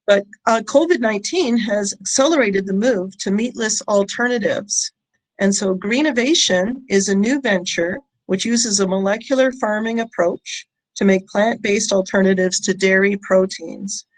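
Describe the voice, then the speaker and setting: Woman doing a short online science pitch, medium pitch, lots of uhs and little stops. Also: rough recording. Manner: hesitant delivery with frequent ums and pauses. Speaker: company founder and scientist presenting. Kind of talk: prepared short conference presentation. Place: online presentation with audience in chat.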